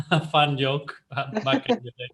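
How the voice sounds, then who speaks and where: A man's voice: mid-range voice, sing-song, measured pace, fairly bright tone. Laughing, modest male guest. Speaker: guest, conservation biologist. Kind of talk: casual interview chat.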